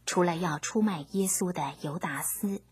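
A woman narrating a scripture story, reading gently in a half-whispered way. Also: fairly low pitch, moderate pace, slightly rough.

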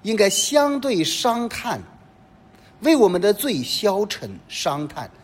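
Man preaching with lively pitch. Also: takes it slowly, slightly rough. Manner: animated preaching full of rhetorical questions. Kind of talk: sermon. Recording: long reverb with faint low rumble.

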